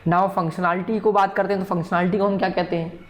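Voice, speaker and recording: A man's voice: high voice, little pitch movement, fast. A man teaching a programming class in a recorded tutorial, explaining patiently and checking in with listeners often. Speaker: programming instructor. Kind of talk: recorded coding tutorial lecture.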